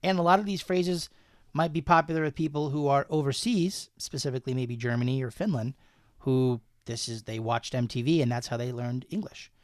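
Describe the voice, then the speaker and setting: A man's voice: medium pitch, a little fast, no room sound, clean studio sound. A man in his thirties hosting a casual podcast, laughing often as he reads slang definitions with jokey examples. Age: 30s. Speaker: podcast host.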